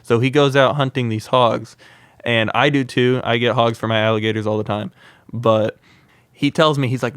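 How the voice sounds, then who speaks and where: A man's voice: medium pitch, moderate pace, clear, resonant tone, dry recording, studio quality. A young man, a wildlife content creator, telling wild stories as a podcast guest, with lots of "like" fillers. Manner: lively anecdote telling with frequent "like" fillers. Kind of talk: casual interview storytelling.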